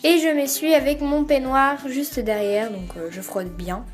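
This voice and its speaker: Young girl narrating her routine over quiet music, kinda high voice, lots of euhs. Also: steady tone, measured pace. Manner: hesitant, many fillers. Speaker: beauty vlogger. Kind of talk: casual voice-over explaining a routine. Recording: voice-over with faint music behind.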